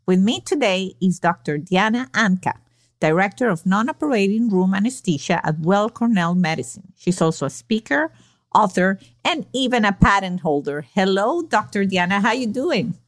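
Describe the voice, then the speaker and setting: A woman's voice: medium pitch, expressive, moderate pace. A woman hosting a podcast who asks her guest curious, inviting questions in a conversational way. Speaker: podcast host. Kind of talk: interview conversation.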